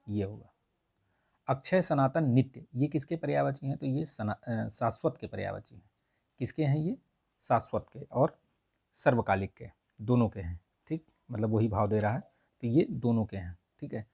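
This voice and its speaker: A man's voice: medium pitch, vocal fry, warm tone, husky. A man working through exam questions in a casual lesson, repeating checks with his listeners as he goes. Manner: conversational, repeats "ठीक है" often. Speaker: exam prep tutor. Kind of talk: casual lesson explaining test answers.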